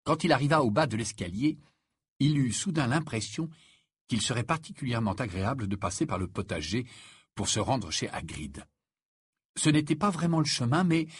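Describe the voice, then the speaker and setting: A man narrating an audiobook in an expressive storytelling manner with a husky voice. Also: mid-range voice, dry recording, studio quality. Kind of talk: scripted narration.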